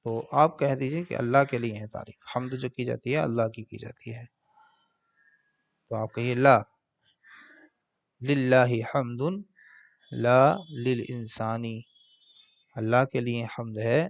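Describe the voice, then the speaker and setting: A man teaching an Arabic grammar lesson, translating word by word in a slow, patient way. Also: mid-range voice, fairly even intonation, gravelly, dull audio.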